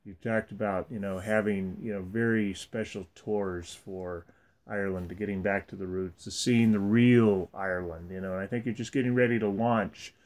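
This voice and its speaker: A man with a fairly low voice hosts a conversational interview. His delivery is halting and informal, repeating words as he builds each question. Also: steady tone, a little mellow. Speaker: interviewer, host.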